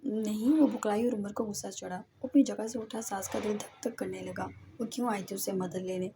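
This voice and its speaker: A woman narrating a romance audio novel in steady storytelling style. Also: medium pitch, fairly quick, background noise.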